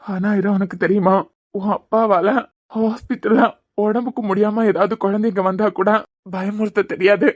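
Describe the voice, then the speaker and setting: A woman voicing a grieving young father, a doctor, who pleads softly and sorrowfully with his frightened daughter in Kanyakumari Tamil. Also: medium pitch, fairly even intonation, moderate pace, natural voice. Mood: pleading. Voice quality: pleading, sorrowful, repeating the child's name. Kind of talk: cartoon voice acting.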